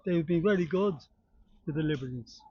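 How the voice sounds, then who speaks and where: An older man speaks in a Dublin accent, his voice a bit high for a man. He reminisces casually and haltingly, often trailing off. The sound is close and dry, though somewhat dull. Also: a little mellow, slightly rough, dry recording. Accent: Dublin Irish. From Dublin, Ireland. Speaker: local resident being interviewed.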